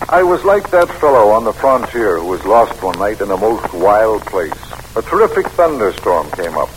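In an old-time radio drama, a male actor with a fairly low voice plays a weary, kindly, middle-aged American president, speaking in a measured, solemn, folksy style. The old radio recording is noisy.

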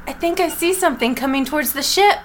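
Woman doing a dizzy high-pitched damsel, dramatic, music behind. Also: fast, slight background noise, lightly acted. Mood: melodramatic. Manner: breathless melodramatic damsel delivery. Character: dizzy excitable woman sidekick, young. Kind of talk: parody radio-play acting. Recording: music bed under voice.

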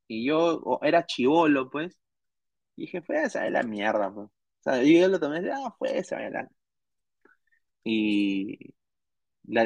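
A man's voice: mid-range voice, gravelly, no room sound. A man in his thirties with a Peruvian accent, chatting casually on a podcast stream, rambling with many restarts and slang. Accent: Peruvian Spanish. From Peru. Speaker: podcast host. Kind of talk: casual live-stream chat.

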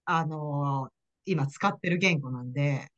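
A woman with a low voice speaks slowly, and the audio sounds dull. She's an ICU nurse hosting a podcast interview as a casual chat, frequently nodding along with short agreements and laughing.

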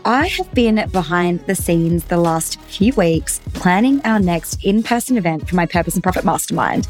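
A woman talks through her solo business podcast, upbeat and encouraging, with a slightly husky, worn voice. Her pitch sits in a middle range for a woman. The sound is dry and close, with no room around it. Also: no room sound. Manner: upbeat, motivational, conversational. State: husky from a hoarse voice. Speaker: podcast host.

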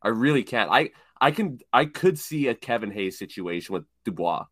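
A young man co-hosting a casual sports podcast, talking in an animated, opinionated way and repeating words when he gets worked up. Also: medium pitch, moderate pace, no echo, clean studio sound. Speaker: podcast co-host.

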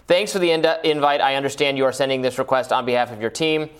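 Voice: medium pitch, quick pace, smooth. A news show co-host chatting casually about a story and reading out quotes. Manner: casual, reads out quotes with light laughs. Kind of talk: studio news chat.

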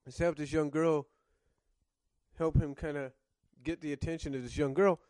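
Rambling man with a mellow voice. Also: on the high side, steady tone, normal speed, dry recording. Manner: rambling, circles back and rephrases. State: coughing, cough drop in mouth. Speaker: cartoon reviewer. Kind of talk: casual commentary.

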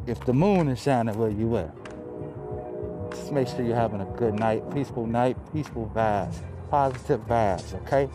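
A man's voice: medium pitch, normal speed. A man hosting a casual motivational podcast, swearing and repeating himself for emphasis, his speech slightly muffled by a face mask. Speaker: podcast host. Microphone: close podcast mic, spoken through a mask. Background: music.

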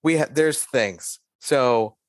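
A man hosting a casual sports podcast, playful and quick to laugh. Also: medium pitch. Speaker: podcast host. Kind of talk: casual chat.

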